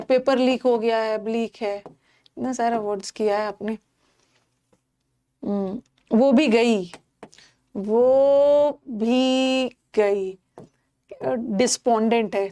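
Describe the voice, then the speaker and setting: Animated woman teaching English vocabulary. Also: a little high. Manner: animated, mixes Hindi and English, repeats words for students. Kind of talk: live online vocabulary class.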